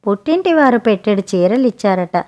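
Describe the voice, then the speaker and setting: A woman narrating a written short story in a gentle, expressive audiobook manner. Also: medium pitch, a little fast, muffled recording.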